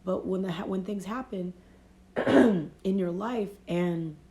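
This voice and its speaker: Speaking slowly at a medium pitch with a warm tone, a woman life coach gives a casual, reflective motivational talk on a phone livestream from home. She has a cold and her voice is fading, and she tends to repeat and rephrase her points.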